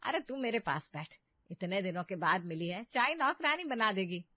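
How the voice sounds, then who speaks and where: A woman voicing a scheming, domineering middle-aged mother in a cartoon story, speaking loudly and scolding. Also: medium pitch, expressive, moderate pace, no room sound, dull audio, lightly acted.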